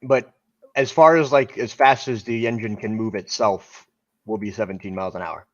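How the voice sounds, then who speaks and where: Low-voiced man hosting a game stream. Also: steady tone, no room sound, highs cut off. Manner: halting, filler-heavy, friendly. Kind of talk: casual gameplay chat.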